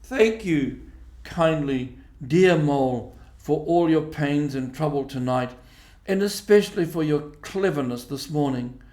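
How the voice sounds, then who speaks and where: A man's voice: fairly high pitch, measured pace, darkish tone, reverberant, lightly acted. A man voicing a vain, dramatic toad in a storybook reading, with a grandiose, protesting manner. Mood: hearty. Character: vain, dramatic, self-important male Toad.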